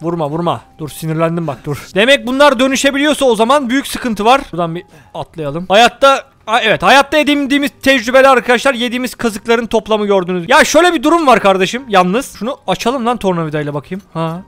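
A young man with a Turkish accent giving excitable, joking commentary while playing a game, often shouting at the characters. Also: high voice, fast talker, soft background music. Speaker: gaming YouTuber. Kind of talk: let's play commentary.

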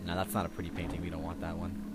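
A man's voice: sits low, flat delivery, very fast, noisy background. A young man bantering and teasing his friends while they play a horror game. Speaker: let's play commentator. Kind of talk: casual game commentary. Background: game music.

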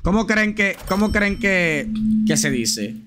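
A man's voice: high voice, sing-song, slow, noisy background. A man streaming a game live, chatting casually and slangily straight to his viewers and reading their messages aloud. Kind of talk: casual live gameplay chat.

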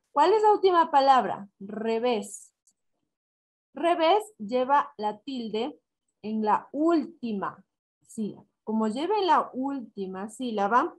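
A woman teacher explains a lesson in a slow, deliberate way, going step by step. She counts syllables out loud and asks herself questions before answering them. Her voice sits a little high. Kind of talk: recorded online class. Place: school in Ecuador.

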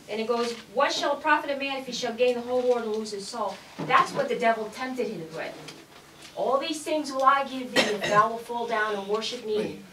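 A woman's voice: a little high, noisy background. A woman in a Bible study group earnestly reading verses aloud and explaining them, recorded from a distance. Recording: echoey room, distant mic.

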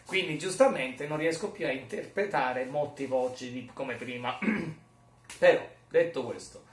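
A man's voice: mid-range voice, unhurried. A man vlogging in a rambling, jokey, self-mocking casual chat. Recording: roomy echo, mic far off.

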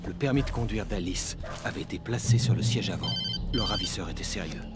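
A troubled writer in a story-driven video game. His low voice is grave and guarded, with loud music underneath. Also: huge pitch swings, fairly quick. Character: troubled male writer searching for his missing wife. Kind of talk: video game narration and dialogue.

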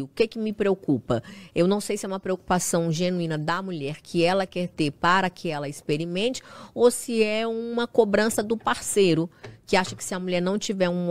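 A woman answering interview questions about sexuality in a calm, matter-of-fact and explanatory way. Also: lowish voice, normal speed, dry recording. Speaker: sex educator guest.

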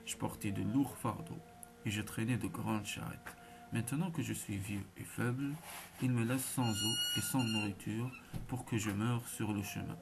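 A man doing a deep weary old buffalo. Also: fairly even intonation, moderate pace, creaky, background noise. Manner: low, weary. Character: old weak male buffalo, deep and bitter.

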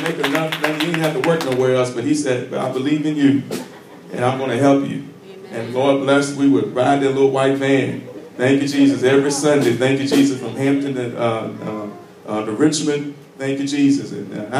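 A man's voice: mid-range voice, background noise. A man pastoring a church, making announcements and leading the offering prayer with fervent repeated amens, speaking into a handheld mic at the pulpit. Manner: fervent, repeats "amen" and "thank you, Jesus". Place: church sanctuary, large indoor room. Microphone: handheld mic at pulpit, recorded by far tablet. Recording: echoey church sound from far off.

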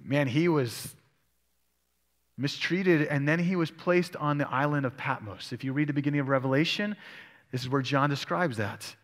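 Every phrase from this pastor trails off into the long reverb of a church sanctuary as he delivers an expository sermon. He reads scripture aloud and asks the congregation questions in a fairly high, fairly bright voice at normal speed.

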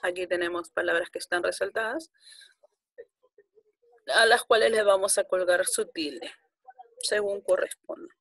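A woman's voice: fairly low pitch, a little slow, long pauses, a bit bright, no room sound. A woman teaching a grammar lesson to primary school children, patiently counting out syllables one by one.

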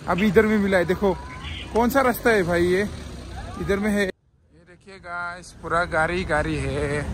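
Walking through a busy festival and along a roadside, a young adult travel vlogger chats about his trip into a phone camera at arm's length. He has a high-pitched voice, and the outdoor phone recording is noisy.

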